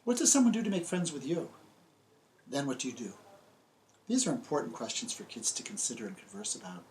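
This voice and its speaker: This older American man, an author of children's books, presents and tells stories to young children in a friendly, scripted way, using simple and emphatic phrasing inside a small room full of books. His mid-range, slightly mellow voice swings hugely in pitch and moves briskly. Slight background noise comes through a rough recording.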